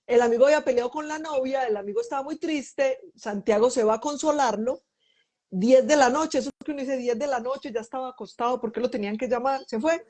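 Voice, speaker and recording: A woman's voice: sits high, quick pace. A middle-aged woman hosting a family conversation, telling stories and acting out the dialogue in them. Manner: animated storyteller, acts out quoted dialogue. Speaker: host, mother.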